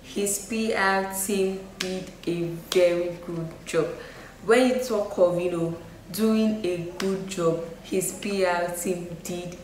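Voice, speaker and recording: A woman's voice: on the low side, a little mellow. A young woman giving her opinions in a casual vlog, talking loosely with lots of fillers. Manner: chatty, frequent "you know" and "um" fillers. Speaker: YouTube vlogger. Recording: echoey room with faint noise.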